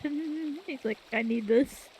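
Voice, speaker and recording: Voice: high-pitched, slow pace, a little mellow, slight background noise, rough recording. A casual gaming partner chatting through a co-op game, dry and teasing.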